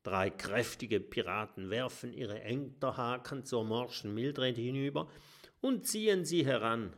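Guy reading a kids story, nice and slow, really expressive. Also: mid-range voice. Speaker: audiobook narrator. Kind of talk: children's storybook narration.

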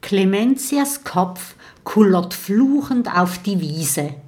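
Slow, dramatic woman storyteller. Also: mid-range voice, expressive, darkish tone. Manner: measured, dramatic read-aloud delivery. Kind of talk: children's story narration.

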